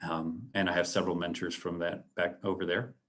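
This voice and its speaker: A late-forties man from San Antonio, Texas, returns as an alumnus guest speaker to present to students about his path and the lessons he learned. His low, slightly bright voice is flat in delivery, and he is earnest and reflective but halting, filling pauses with ums and restarting sentences. He sounds a little choked up.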